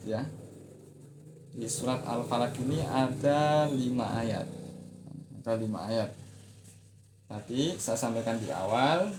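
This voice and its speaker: Seorang pria guru mengaji yang menjelaskan pola nada dengan tenang lalu melantunkan ayat secara panjang dan berirama, dengan logat Indonesia. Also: male voice, medium pitch, roomy sound, a little hiss or hum. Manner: calm explanation, asks for attention, then drawn-out melodic chanting. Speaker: Quran recitation teacher. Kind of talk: online Quran reading lesson.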